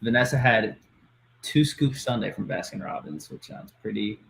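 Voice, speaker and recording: A man's voice: lowish voice, lively intonation, moderate pace, creaky, a bit bright, a little hiss or hum. Upbeat man reading chat comments aloud. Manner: upbeat, laughs often, reads comments aloud. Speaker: co-host reading viewer comments. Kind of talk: casual live-stream chat.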